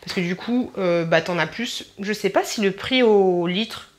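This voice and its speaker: A woman's voice: mid-range voice, measured pace. A young woman chatting casually in a rambling home haul vlog, talking straight to her viewers. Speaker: beauty vlogger.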